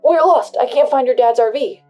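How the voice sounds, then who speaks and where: A woman voicing an entitled husband who shouts demands over the phone. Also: fairly high pitch, fairly quick, lo-fi sound, soft background music, natural voice. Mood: panicked. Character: angry, entitled adult husband.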